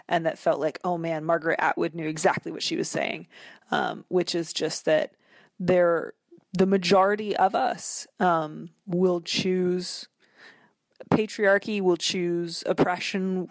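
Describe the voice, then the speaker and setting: An American woman with a fairly low-pitched voice is a guest in a casual, conversational interview, recorded with clean studio sound and no room noise. She comes across as thoughtful and colloquial, sprinkling in lots of "like" and "you know."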